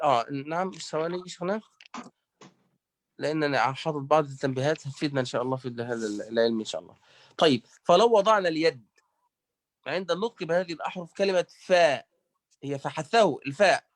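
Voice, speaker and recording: A man's voice: fairly high pitch, no room sound. A man teaching Quran recitation, who leaves words unfinished for the listeners to fill in and drills each letter sound over and over. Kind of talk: online tajweed lesson.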